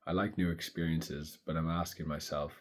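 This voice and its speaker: A man in his thirties speaking slowly and thoughtfully in a reflective personal monologue. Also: extremely low pitch, little pitch movement. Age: 30s. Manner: slow, thoughtful, soft-spoken. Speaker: vlogger.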